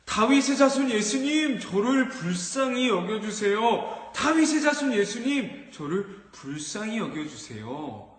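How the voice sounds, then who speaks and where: A man voicing a desperate, persistent blind beggar who cries out loudly and pleads over and over. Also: high-pitched, lively intonation, measured pace, hardly any pauses, distant mic, pitched above the performer's own voice. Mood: pleading shout. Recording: echoey hall.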